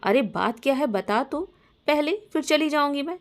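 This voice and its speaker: A woman's voice: high voice, expressive, normal speed, pitched above the performer's own voice. A woman voicing a loyal young woman who earnestly defends herself to her friend. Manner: pleading, earnest.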